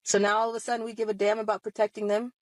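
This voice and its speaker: She talks very fast in a medium-pitched voice with little pitch movement, on a low-quality recording with no room sound. An online host of about thirty, she speaks to her audience about her own experience with passion, confrontation, emphasis and lots of rhetorical questions.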